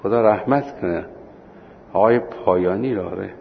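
A man teaching a seminary class on Islamic law, telling anecdotes with acted-out dialogue and slowing down for points of law. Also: lowish voice, gravelly, narrow, tinny audio, slight background noise. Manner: storytelling, acting out dialogue, slows for points of law.

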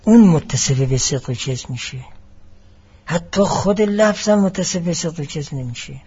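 A man giving a classroom lecture as a seminary teacher, explaining each point deliberately and mixing in Arabic phrases. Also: fairly high pitch, lively intonation, darkish tone, breathy edge, lo-fi sound.

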